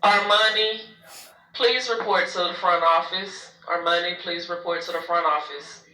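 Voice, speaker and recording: A man's voice: high voice, steady tone, moderate pace, a little hiss or hum. A man making an announcement over a school intercom, calling a student to the front office. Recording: echoey distant loudspeaker.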